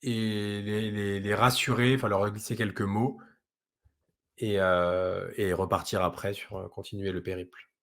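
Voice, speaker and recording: A man's voice: on the low side, level tone, measured pace, a bit bright. A man playing a tabletop role-playing game, thinking aloud and hesitating as he improvises his character's actions and replies. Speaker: player.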